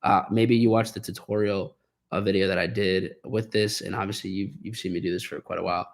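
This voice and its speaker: A man's voice: low-pitched, fairly even intonation, fairly quick. Upbeat man coaching on a live stream. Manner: upbeat, encouraging, with many fillers and restarts. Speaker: trading coach hosting a live Q&A. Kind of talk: casual live-stream talk.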